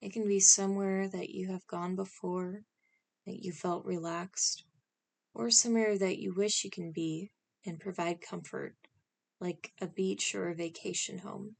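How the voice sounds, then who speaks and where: A woman's creaky, mid-range voice moves at a measured pace through a scripted guided meditation. Her calm instructions come in short phrases with spaces in between.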